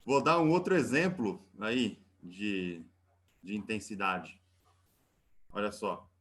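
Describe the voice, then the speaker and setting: With a lowish voice and a slow pace, a physics teacher with a Brazilian accent teaches live online. He keeps things chatty with joking, teasing asides and ends almost every phrase with a questioning "né?".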